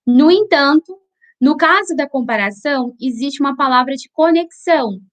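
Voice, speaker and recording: A woman with a high, light voice and a Brazilian Portuguese accent teaches an online review class. She explains things patiently, often checking in with her students. She sometimes slows right down to sound out syllables one by one. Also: lively intonation.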